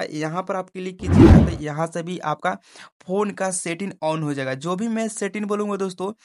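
Young male tech-tutorial host, slightly high voice, chatty, walks viewers through each step. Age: young adult. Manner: chatty, keeps addressing viewers as friends, frequent "okay?" check-ins.

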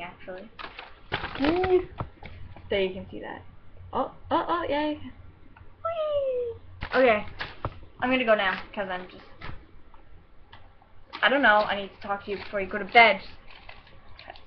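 A woman's voice: mid-range voice, muffled recording, slight background noise. A teenage girl vlogging from her bedroom into a webcam, rambling and giggly, scattered and hyper as she answers questions. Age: teens. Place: bedroom at home. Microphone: computer webcam mic.

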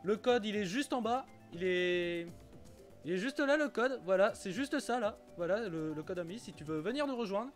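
A man's voice: sits high, lively intonation, normal speed, faint music behind. A man streaming a kart racing game live, chatting casually with viewers, often stumbling and repeating himself and swearing now and then.

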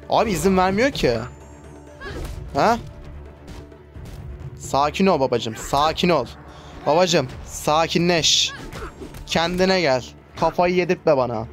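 A man's voice: a little high, expressive, takes it slowly, pauses often, soft background music. A man hosting a gaming channel, giving chatty let's play commentary with exasperated outbursts. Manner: chatty, exasperated exclamations while fighting.

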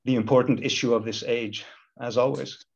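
Here the voice is mid-range and steady, with vocal fry, moving at a normal speed. It belongs to a thirtysomething Icelandic man, a university lecturer and equality committee chair, who reflects aloud on a video-call panel with many restarts, over somewhat dull call audio.

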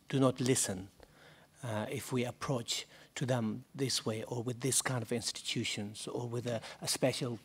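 A man's voice: mid-range voice, breathy edge. Earnest man speaking in a conference room. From Tibet. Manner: earnest, with frequent fillers and restarts. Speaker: audience speaker at a seminar. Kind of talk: impassioned panel remarks. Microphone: desk microphone.

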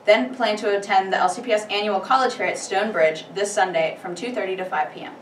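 Brief: teen girl student anchor, mid pitch, roomy echo, set back from the mic. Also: fast talker. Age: teens. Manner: reading announcements with small slips and restarts. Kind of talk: school announcements. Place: school studio room. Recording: echoey room, distant mic, faint hiss.

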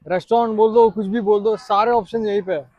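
एक युवा पुरुष ट्रैवल व्लॉगर, बाहर पर्यटन पार्क में कैमरे से बोलते हुए, उत्साह से बातें करता है और हिंदी में अंग्रेज़ी शब्द मिलाता है।. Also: male voice, high voice, a little fast, dull audio. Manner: chatty, excited, mixes English into Hindi. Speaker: travel vlogger. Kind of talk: casual travel vlog.

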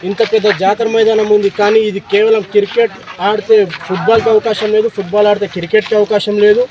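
A man giving a halting, repetitive statement to a news camera outdoors. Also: high-pitched, level tone. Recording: dull lo-fi, noisy outdoor sound.

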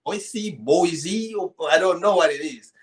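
Over the noise of a crowd, a high-pitched man in his thirties with a Central African accent slowly tells a personal story. He's a Congolese poet guesting on a podcast by video call from a small room at home, repeating phrases and acting out dialogue in casual chat.

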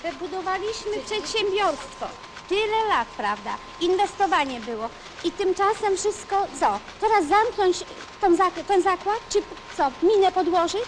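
A woman's voice: very high voice, animated, a little slow. A woman factory worker speaking off the cuff in an interview, emphatic and indignant. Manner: emphatic, indignant rhetorical questioning. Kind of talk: unscripted newsreel interview. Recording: noisy factory location sound.

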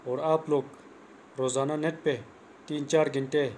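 His voice sits on the high side, a little mellow, with little pitch movement and a measured pace. The young man is a cricket coach vlogger giving a plain, repetitive, earnest bowling tutorial in casual speech, using a clip-on lapel mic in a small room with the phone camera close. Slight background noise is present.

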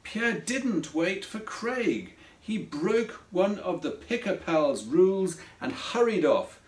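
A man who wrote the story reads it aloud slowly and expressively as children's storybook narration. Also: high voice. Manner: slow, expressive read-aloud. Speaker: author reading his own story. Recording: roomy echo from a distance.

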